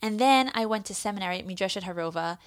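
A woman in her thirties telling her story in a casual chat, peppered with "like" and quick asides. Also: mid-range voice, dry recording, clean studio sound. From United States. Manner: chatty, lots of "like" fillers, quick storytelling. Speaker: guest.

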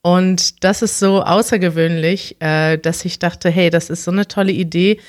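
A woman's voice: on the low side, steady tone, normal speed, darkish tone, no room sound, studio quality. A woman hosting a podcast, asking questions in an enthusiastic, easy manner and laughing readily. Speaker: podcast host. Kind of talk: casual interview.

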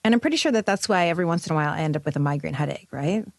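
A woman's voice: sits low, lively intonation, racing, no room sound, clean studio sound. A woman hosting a show in casual chat, informal and effusive in the way she talks. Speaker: show host.

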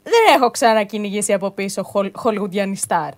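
A woman sports reporter chatting casually in a studio, explaining herself in a measured way. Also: medium pitch, lively intonation.

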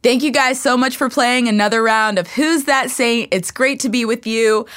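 A woman hosting a short segment, signing off in a warm, friendly way. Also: a little high, moderate pace. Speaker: segment host. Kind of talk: friendly show sign-off.

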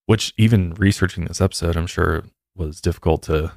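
A man's voice: low-pitched, fairly quick, gravelly, no echo, clean studio sound. A man hosting a podcast, reading a scripted story and then chatting loosely with his co-host. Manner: steady storytelling, loose in chat. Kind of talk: scripted narration then casual chat.

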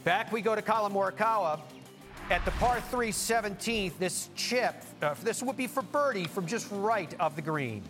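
A man working as a golf commentator, hosting highlights in punchy, presenter-like short phrases. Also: animated, normal speed, music in the background.

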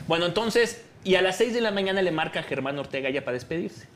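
A Mexican man appears as a talk show guest, telling a story full of slang and jokes while acting out what the people in it said. His voice is high, animated and a bit bright, he talks fast, and there's slight background noise.

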